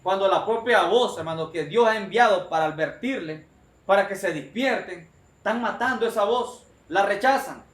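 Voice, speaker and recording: Preacher guy, pretty high voice, keeps saying brother, echoey room. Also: normal speed, fairly bright tone. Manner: emphatic and repetitive, often calling his listeners "brother". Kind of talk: sermon.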